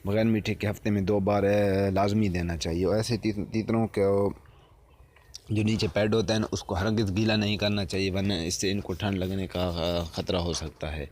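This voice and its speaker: Low-pitched male host talking viewers through care advice, restating each point, faint ambience behind. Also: fairly even intonation, darkish tone, a little hiss or hum. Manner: repeats and rephrases points, addresses viewers as friends. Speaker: partridge-keeping advice host. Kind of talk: spoken instructional tips.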